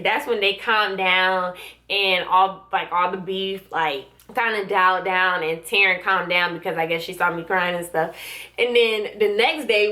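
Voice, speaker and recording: A young woman talks straight to her camera in a casual storytime vlog. She rambles with many fillers and acts out what her friends said. Her voice sits at a middling pitch. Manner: chatty, lots of fillers, quotes friends in animated voices. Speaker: vlogger.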